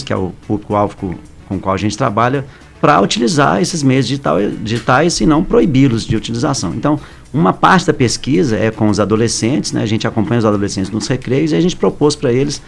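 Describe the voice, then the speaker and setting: A man with a Brazilian accent, a professor guest on a radio show, explaining in a measured way with small hesitations and restarts. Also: mid-range voice, animated, creaky. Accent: Brazilian Portuguese. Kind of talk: explanatory interview answers. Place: radio studio. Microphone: studio microphone.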